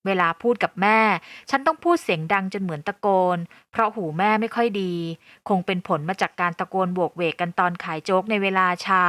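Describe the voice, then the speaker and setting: A woman narrating a first-person audio novel in a calm, even storytelling voice. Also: mid-range voice, dry recording.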